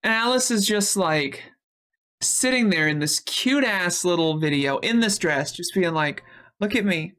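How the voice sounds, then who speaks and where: With a lowish, slightly bright voice, this woman chats loosely with viewers on her Twitch stream, unhurried but animated. She reads out chat messages, thanks people and curses without hesitation.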